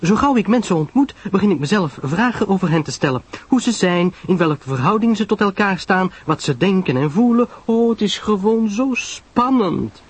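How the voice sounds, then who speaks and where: A man voicing a chatty, nosy young society woman who gushes in a high, lilting voice. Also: expressive, moderate pace, few pauses, slightly rough. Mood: insistent. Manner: breathless gushing, high and lilting.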